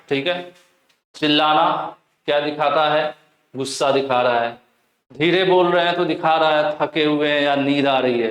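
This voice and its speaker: A male teacher with a high voice works through exam questions, asking each question out loud and then answering it himself. He repeats his points and reads the English questions aloud. The room around him is roomy and echoey. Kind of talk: exam question bank lesson.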